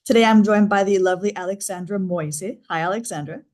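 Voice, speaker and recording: Fast-talking, upbeat podcast hostess. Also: female voice, mid-range voice, darkish tone. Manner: upbeat, effusive. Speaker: podcast host. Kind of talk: podcast interview.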